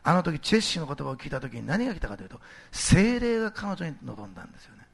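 A middle-aged male pastor giving a sermon in a conversational, animated way, posing rhetorical questions to the congregation. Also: fairly high pitch, fast talker, creaky, breathy edge.

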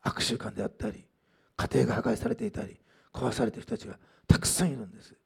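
Man in sermon mode, husky and gravelly, chatty asides, lively pitch. Pastor type. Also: quick pace. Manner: conversational, frequent "ね" asides, many fillers. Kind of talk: sermon with testimony.

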